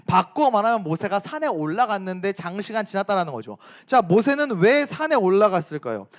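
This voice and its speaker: A young man preaching a lively sermon to high school students, telling stories and asking the audience questions. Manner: animated storytelling, asks the audience questions. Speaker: youth pastor. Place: church service.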